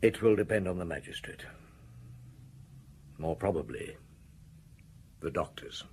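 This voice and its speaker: Low-voiced, probing Inspector Maigret. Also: male voice, expressive, measured pace, darkish tone, slight background noise. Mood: firm, measured. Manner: probing, authoritative, formal questioning. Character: shrewd, stern male police chief inspector. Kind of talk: radio detective drama acting.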